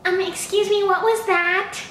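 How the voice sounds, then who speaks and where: A woman's voice: very high voice, fairly even intonation, a little slow, a bit bright, echoey room, a little hiss or hum, pitched above the performer's own voice. A woman voicing a picky female sandwich-shop customer who hesitates with ums and excuse-mes. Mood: fussy.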